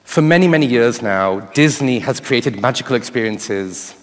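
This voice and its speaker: In a live conference talk before an audience in a large hall, a man uses a medium-pitched voice with lively intonation at normal speed. He keeps turning to rhetorical questions for the crowd, and the recording is echoey with audience sound.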